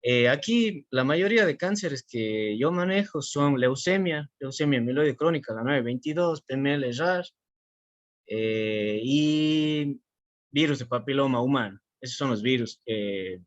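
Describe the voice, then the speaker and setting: Male lecturer, measured and explanatory, dry lo-fi call sound. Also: mid-range voice, no echo. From southern Ecuador. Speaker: guest lecturer. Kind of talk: online conference talk. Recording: dry, dull lo-fi call audio.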